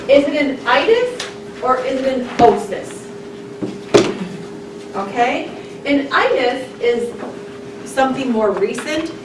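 A woman giving a conversational classroom lecture, often asking the class "right?". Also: medium pitch. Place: large darkened lecture room. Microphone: distant camera in the audience. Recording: echoey room, voice from far off, noisy.

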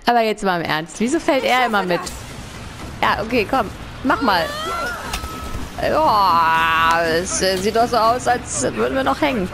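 A woman's voice: a little high, animated, unhurried, creaky, long pauses, noisy background. A woman doing casual let's play commentary, playfully thinking aloud and exclaiming as she goes. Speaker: gaming host. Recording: game music and effects behind.

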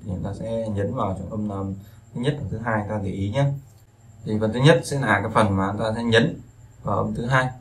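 Guy with a lowish voice explaining a lesson, chatty and rambly, lots of um and repeats. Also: fairly quick. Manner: relaxed, rambling, with frequent fillers and repetitions. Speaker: Chinese teacher.

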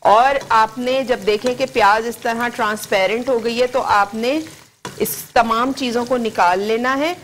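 Her voice is fairly high and fairly bright, with a steady tone and measured pace, and the recording carries a faint hiss or hum. She is a TV chef in her forties with a Pakistani Urdu accent, patiently taking viewers through a recipe on a live cooking show. Working in a studio kitchen with a lapel mic, she repeats each ingredient as she goes.

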